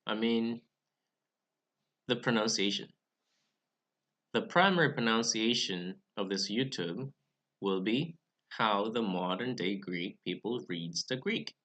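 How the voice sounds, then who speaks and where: This young man hosts a Bible study channel and speaks to camera from a careful script about reading Greek scripture, using English as his second language. His voice is lowish and a bit bright, the recording muffled, and his measured delivery has occasional restarts.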